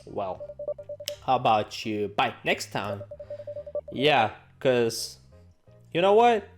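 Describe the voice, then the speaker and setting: This let's-play host has a mid-range voice with big pitch swings and speaks slowly. Reading game text aloud, he's playful and theatrical, exclaiming and joking to himself as game music plays underneath.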